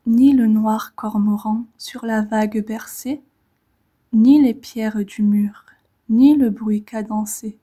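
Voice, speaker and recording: This poetry reader is a woman with a fairly high, soft, breathy voice that frequently drifts toward a whisper. Her delivery is calm, measured and relaxing, with brief phrases set off by pauses.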